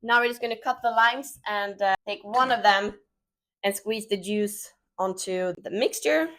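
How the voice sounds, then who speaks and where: This cooking show host is a woman whose first language is Swedish, and her accent shows it. Relaxed and talkative, she demonstrates a recipe at home with lots of fillers, her medium-pitched voice never in a hurry.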